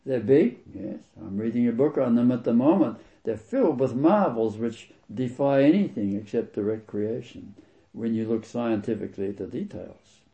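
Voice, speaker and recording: Male preacher, mid-pitched, emphatic and deliberate with scripture, on a dull lo-fi recording. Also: dark tone. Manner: emphatic, slows down to stress key words; reads scripture aloud and comments on it. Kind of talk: sermon.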